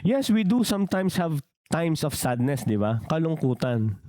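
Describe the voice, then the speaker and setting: A man's voice: on the high side, sing-song, unhurried, mellow, no echo. A man preaching a bilingual sermon as pastor, often asking the congregation questions.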